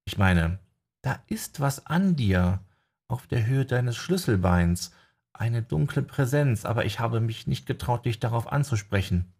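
A man voicing a sharp-tongued young woman necromancer, raised in pitch, in an audiobook. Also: lively intonation, measured pace, gravelly, slightly rough, heavily acted. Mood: brisk.

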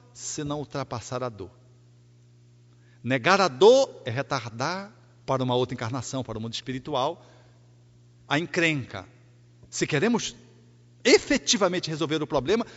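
A man's voice: high voice, a bit bright. A man giving a Spiritist lecture, emphatic and repetitive, often acting out quoted voices. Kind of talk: public lecture. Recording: reverberant hall, dull lo-fi sound.

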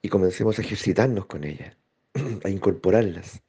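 A man giving a slow, reflective spiritual talk, pausing often and checking in with his listeners. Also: low voice, warm tone, breathy edge. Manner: slow, thoughtful, with pauses and rhetorical checks. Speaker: spiritual teacher. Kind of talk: reflective spoken teaching. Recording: dull lo-fi recording.

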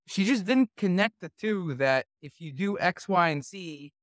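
A man's voice: high-pitched, lively intonation, measured pace, a bit bright, dry recording, studio quality. A man hosting a podcast interview, talking casually and hesitantly, with many fillers and restarts. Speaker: podcast host.

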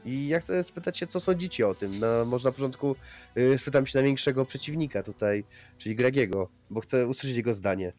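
A man's voice: medium pitch, a little fast, a little mellow, soft background music. A man hosting a casual podcast discussion, talking in a rambling way and often repeating himself. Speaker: podcast host.

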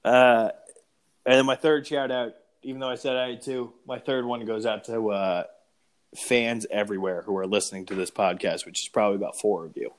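A young man co-hosting a casual podcast, telling things in an animated way, laughing and sometimes losing his train of thought. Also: on the low side, a little fast. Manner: animated storyteller, laughs and trails off mid-thought. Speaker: podcast co-host.

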